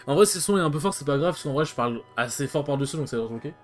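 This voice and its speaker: A man's voice: on the high side, expressive, rapid-fire. A man hosting a let's play, giving loose, chatty commentary and swearing casually.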